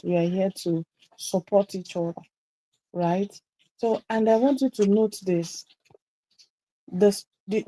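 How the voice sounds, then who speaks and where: A visibility coach, a woman, leads a group through a motivational teaching session, speaking emphatically and repeating key phrases for stress. Her voice is medium-pitched and mellow, and the recording is dry with poor audio.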